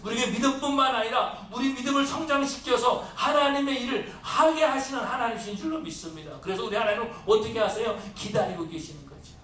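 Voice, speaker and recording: A man's voice: fast talker, hardly any pauses, sharp tone. A man preaching a sermon as pastor, emphatic, who often puts questions to the congregation. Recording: echoey hall, distant mic, faint rumble.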